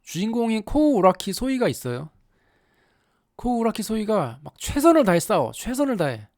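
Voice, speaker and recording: A commentator telling a story in a casual, animated way, with exaggerated asides and rhetorical questions to the audience. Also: mid-range voice, moderate pace, dry recording, clean studio sound. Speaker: YouTube anime commentator.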